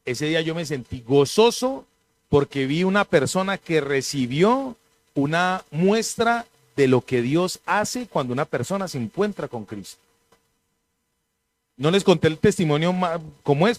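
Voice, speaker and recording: Male preacher, slightly high voice, animated storyteller, occasional throat clearing. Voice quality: clears throat now and then. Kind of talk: sermon.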